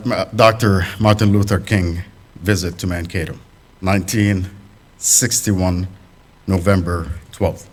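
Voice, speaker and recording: A man with a deep, low voice addresses a congregation as a guest speaker. He talks in an unhurried way, pausing on fillers and restarting phrases. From Sudanese family, raised in the UAE. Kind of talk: talk at a congregation. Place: fellowship hall.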